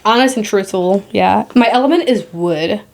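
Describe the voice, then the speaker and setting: A woman's voice: medium pitch, moderate pace, gravelly. A woman in her thirties co-hosting a casual podcast, giving frequent short agreements and reading lists aloud. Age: 30s. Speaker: podcast co-host. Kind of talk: casual chat.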